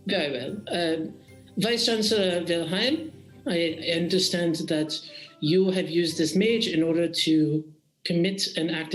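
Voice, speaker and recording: A man's voice: fairly high pitch, natural voice. A man voicing an imperious noblewoman with a put-on French accent, commanding and blunt, in an echoey room with faint music.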